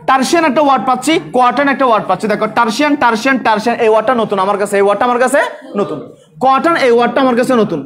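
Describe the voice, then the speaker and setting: A man's voice: extremely high pitch, fairly bright tone. A male biology teacher lecturing a class, drilling students with repeated questions and scolding those who talk.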